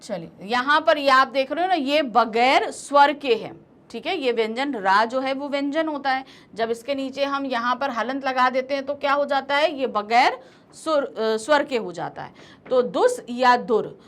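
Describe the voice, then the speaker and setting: A woman teacher with a high, bright voice gives a grammar lesson. She takes her time, reading each word of a list slowly and deliberately before dropping into quicker explaining asides.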